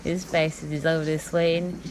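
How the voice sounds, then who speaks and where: A woman's voice: sits low, little pitch movement, brisk, darkish tone, a little hiss or hum. A woman narrating her own food challenge video in a laid-back, chuckling way. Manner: laid-back, chuckling, talks with mouth full. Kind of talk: casual voice-over commentary.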